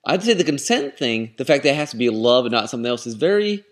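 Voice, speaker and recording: Halting man in casual podcast chat. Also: medium pitch, animated. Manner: halting, tentative, thinking aloud. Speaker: podcast co-host. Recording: echoey room.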